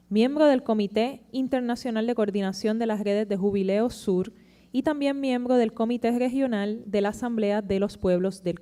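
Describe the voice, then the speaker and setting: A woman's voice: a little high, mellow. A woman moderating a panel, reading a formal scripted introduction in list-like phrases.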